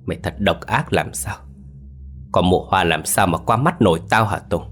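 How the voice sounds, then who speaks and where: A man's voice: low voice, normal speed, fairly bright tone, soft background music. A man voicing a vengeful old man who commands corpse spirits, speaking in a menacing roar. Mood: gloating. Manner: roaring, menacing.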